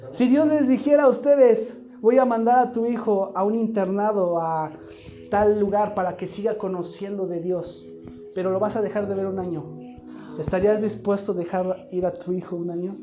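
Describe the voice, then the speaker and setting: Emphatic male preacher, mellow tone. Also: high-pitched, steady tone, normal speed, soft background music. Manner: emphatic, asks the congregation repeated questions. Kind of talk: sermon. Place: church hall, live congregation.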